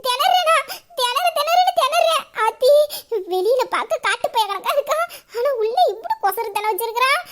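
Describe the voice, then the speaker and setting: A woman voicing a sharp-tongued young office assistant in an audio drama, grumbling asides under her breath. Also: very high-pitched, lively intonation, a little fast. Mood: flustered. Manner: grumbling asides, exasperated muttering. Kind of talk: Tamil audio drama acting.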